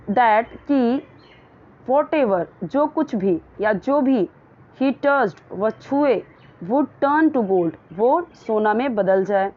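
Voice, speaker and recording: Woman English tutor, patient and repetitive, unhurried delivery, slightly dull lo-fi sound. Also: medium pitch, a little mellow. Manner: patient, repeats and translates each phrase, reads English words slowly. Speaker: English teacher. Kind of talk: explaining a story line by line in Hindi.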